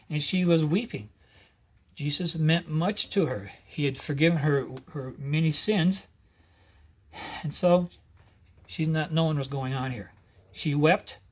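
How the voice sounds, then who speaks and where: A man retelling a Bible story in an earnest, measured way, with short pauses. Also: on the high side, husky.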